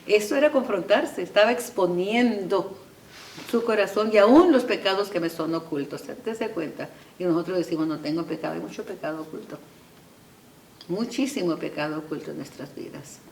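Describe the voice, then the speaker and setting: A woman preaching a sermon with passion, swelling to loud emphatic peaks and slipping English phrases into her talk. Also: on the low side, animated, moderate pace, creaky, slight background noise. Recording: echoey room, voice from far off.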